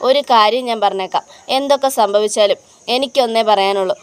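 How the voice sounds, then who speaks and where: A woman's voice: medium pitch, a little fast, clean tone, close to an everyday voice. A woman voicing a stern, protective old grandmother in a retold TV serial, scolding firmly. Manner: scolding, firm.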